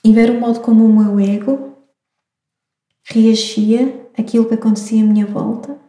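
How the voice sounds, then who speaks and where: A woman with a European Portuguese accent giving a slow, reflective spiritual astrology talk. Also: fairly high pitch, fairly even intonation, warm tone. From Madeira, Portugal. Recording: echoey room.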